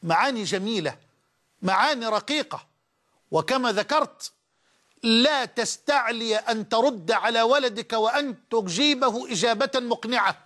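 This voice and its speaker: A man preaching with a marked Egyptian Arabic accent and a high-pitched voice. He presses his listeners with rhetorical questions and drives each point home by repeating it with fervor. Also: normal speed, sharp tone. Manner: impassioned, with rhetorical questions and emphatic repetition. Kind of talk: sermon.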